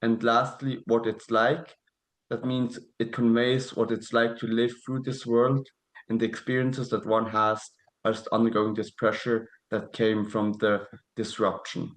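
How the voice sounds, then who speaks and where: A man's voice: mid-range voice, level tone, unhurried, low-quality recording. A man in his twenties from Switzerland, reading a prepared webinar talk carefully over a video call. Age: 20s. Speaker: presenter.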